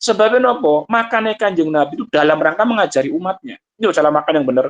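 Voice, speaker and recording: A man gives a conversational sermon in a mosque. His voice sits fairly high, and he moves between recited Arabic phrases and homely explanation, often addressing the listeners directly. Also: lively intonation, quick pace, highs cut off. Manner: mixes Arabic recitation with Javanese and Indonesian explanation. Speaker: ustadz teaching a kitab study.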